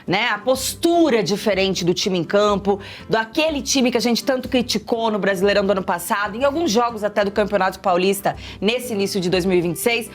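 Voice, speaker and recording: A woman's voice: mid-range voice, a little fast, few pauses. A woman commenting on football in a casual panel chat, stressing her points by repeating them. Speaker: sports commentator.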